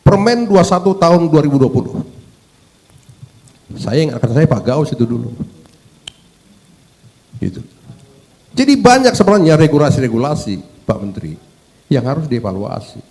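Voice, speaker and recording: Man, fiery hearing speech, higher voice, lively pitch, rhetorical questions. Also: moderate pace, vocal fry, pauses often. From Medan, North Sumatra. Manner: emphatic, rhetorical questions, keeps addressing 'sir'. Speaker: parliament member at a hearing. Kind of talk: formal hearing address.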